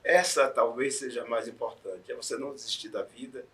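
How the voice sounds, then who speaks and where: A man as an interview guest, telling an emotional personal story in a heartfelt way, sometimes hushed, sometimes loud and encouraging. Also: medium pitch, fairly even intonation, brisk, husky.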